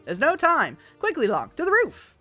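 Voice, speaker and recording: A woman's voice: high-pitched, huge pitch swings, normal speed, bright, forceful tone, no room sound, faint music behind, pitched above the performer's own voice, heavily acted. A woman voicing an urgent male video game companion in a theatrical transatlantic accent, like an old Hollywood film star.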